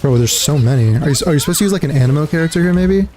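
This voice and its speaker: Casting: young male streamer, mellow voice, slightly high, rambling, game music under. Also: animated, rapid-fire. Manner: rambling, filler-heavy, says "dude" and "bro". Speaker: livestreamer. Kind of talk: casual gaming chat.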